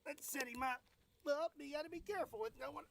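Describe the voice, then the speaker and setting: A man's voice: very high voice, fast talker, vocal fry, fairly bright tone, slight background noise. A man hosting a stunt video in a casual, folksy way with joking understatement. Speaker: video host. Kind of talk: casual presenting of weapon stunt tests.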